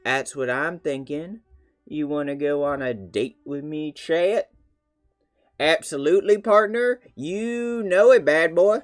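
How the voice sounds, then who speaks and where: A man's voice: a little high, slow, faint music behind. A man putting on the voice of a flirty cowboy with a folksy, playful drawl.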